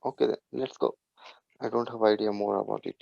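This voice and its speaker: A man's voice: on the low side, steady tone, fairly quick, gravelly, dry recording. A man student answering hesitantly in an online class, with lots of fillers, on muffled call audio.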